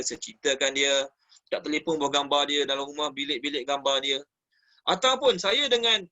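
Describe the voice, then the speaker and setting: A Malaysian man with a Malay accent gives a religious study lecture in a high, bright voice. He is animated and draws on everyday examples, asking his listeners questions as he goes. The recording sounds dull and lo-fi. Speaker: religious teacher. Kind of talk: Quran study class lecture.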